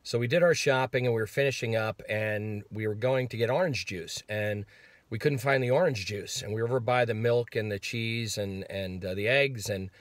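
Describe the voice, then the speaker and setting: Guy with a lowish voice, chatty storytelling w/ uh fillers, dry close sound. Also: moderate pace, dry recording. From New Jersey. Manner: retells conversations in a chatty way, with "uh" fillers. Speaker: ministry vlogger. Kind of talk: casual storytelling.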